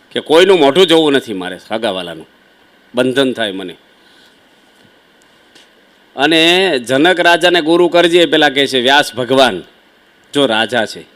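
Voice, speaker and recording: ગુજરાતી ઉચ્ચારવાળા એક પુરુષ સ્વામી, ઘરગથ્થુ વાતચીતની શૈલીમાં શ્રોતાઓને સંબોધીને ભક્તિભાવભર્યું પ્રવચન આપે છે. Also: male voice, mid-range voice, a bit bright. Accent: Gujarati. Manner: conversational, folksy storytelling with asides to listeners. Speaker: swami preacher. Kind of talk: devotional sermon storytelling.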